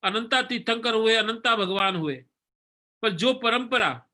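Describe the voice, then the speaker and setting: A man giving a religious sermon, then slowly reciting a devotional hymn line by line for listeners to repeat. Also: sits high, animated, pushed and bright. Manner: earnest, instructive, leads the chant slowly line by line. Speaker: spiritual teacher. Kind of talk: sermon and slow stotra recitation.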